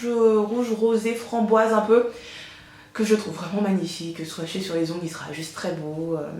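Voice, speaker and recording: Chatty woman in an echoey room. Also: on the high side. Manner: chatty, enthusiastic, many fillers. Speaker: beauty vlogger. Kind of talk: casual haul video.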